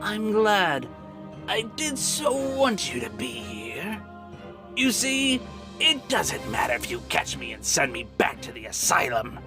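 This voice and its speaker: Mad theatrical villain, high-pitched, creaky gravel, taunting, bitter, dramatic monologue over music. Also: male voice, huge pitch swings, measured pace, heavily acted. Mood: quietly menacing. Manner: theatrical, swooping from hushed menace to manic shrieks.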